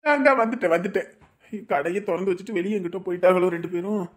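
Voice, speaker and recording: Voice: medium pitch, rapid-fire, lightly acted. A voice actor plays an enraged, grieving elderly father-in-law. He barks scolding insults in a raised, harsh village voice. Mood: furious. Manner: shouting, scolding.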